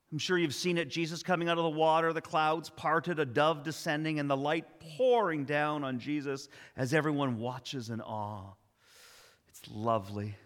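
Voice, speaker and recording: A man's voice: a little high, fairly bright tone, long reverb tail. A man preaching a sermon in a conversational way, with wry asides and emphatic repetition. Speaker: pastor.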